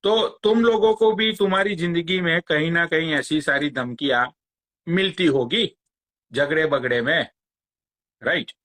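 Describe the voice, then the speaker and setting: A man, ranting on a phone live stream in a slow, crude, mocking way. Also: a little high, a bit bright. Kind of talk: angry rant on a live stream.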